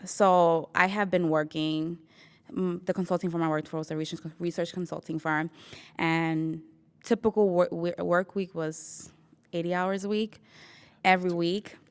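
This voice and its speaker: A young woman from New York tells a personal story in a relaxed, chatty way. Her voice sits low and sounds clear and smooth. She often acts out what she said and breaks into laughter. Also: normal speed. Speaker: interviewee sharing her story.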